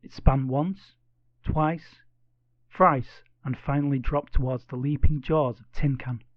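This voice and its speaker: A man's voice: medium pitch, slow pace, no echo, dull audio. Man narrating a children's storybook. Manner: expressive, playful storytelling. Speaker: audiobook narrator.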